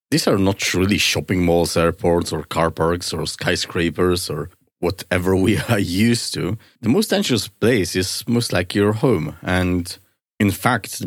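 A man's voice: sits low, no room sound, clean studio sound. A man hosting a science podcast in a conversational, explaining style, with an enthusiastic, curious manner. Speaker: podcast host.

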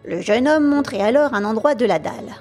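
A woman narrating a classic detective story in a steady, measured way for a podcast. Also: on the high side, soft background music. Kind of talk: audiobook narration.

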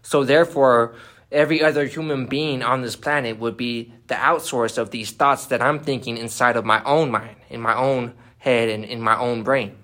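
A man as a guest in a casual discussion, calmly explaining his ideas step by step. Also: medium pitch, normal speed.

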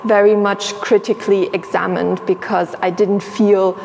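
A young woman curator talks in a measured, thoughtful way, with frequent pauses and a gravelly edge to her voice. She speaks inside a large exhibition hall, and her words trail off into a long reverb. A faint hum of ambience sits behind her. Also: mid-range voice, level tone, a little mellow. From grew up in Sierra Leone and Tanzania. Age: young adult. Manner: reflective, measured, many fillers and pauses. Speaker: museum curator, guest. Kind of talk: thoughtful interview conversation. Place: exhibition space indoors.

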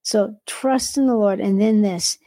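A woman's voice: medium pitch, unhurried, dark tone, dry recording. A woman, an entrepreneur and devotional author, talks earnestly about her faith and work, often quoting scripture and sometimes restarting her sentences. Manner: earnest, quotes scripture aloud; restarts and self-corrections. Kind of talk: faith-based conversational sharing.

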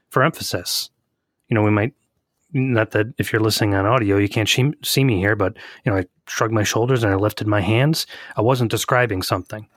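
A man's voice: on the low side, fairly bright tone, dry recording, studio quality. A man co-hosting a podcast in casual chat, talking loosely with restarts and frequent laughs. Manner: chatty, rambling with restarts, laughs often. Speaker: podcast co-host.

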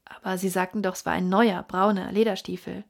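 A calm, keen-minded detective , read by a woman. He speaks in a measured, inquisitive way, sometimes dropping to a hush, and the voice is husky and breathy, at a middling pitch. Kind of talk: audiobook reading.

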